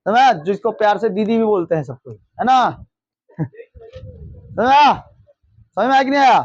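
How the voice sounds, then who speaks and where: A man's voice: high-pitched, animated, moderate pace, no echo, highs cut off. A male teacher giving a classroom lecture, repeating points and firing questions at his students. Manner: repetitive, drilling questions, mimics regional speech. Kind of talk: classroom lecture with call-and-response.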